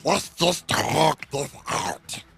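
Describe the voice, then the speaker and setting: A man's voice: a little high, big pitch swings, very slow, creaky, a bit bright, breathy edge, faint music behind, full character voice. A man voicing a waterlogged, clumsy, friendly woman with a gargly voice, in a tabletop role-play. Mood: pleading. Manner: eager, fumbling apologies.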